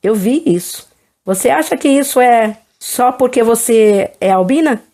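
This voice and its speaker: Uma mulher de meia-idade, apresentadora, conversando com calma e em tom de aconselhamento numa entrevista cristã. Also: female voice, a little high, unhurried. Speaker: host.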